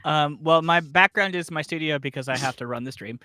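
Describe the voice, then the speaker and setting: A man co-hosting a casual chat from his studio, giggly and animated while running the stream. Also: on the high side, a little fast, dry recording. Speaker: podcast co-host running the stream. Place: home studio.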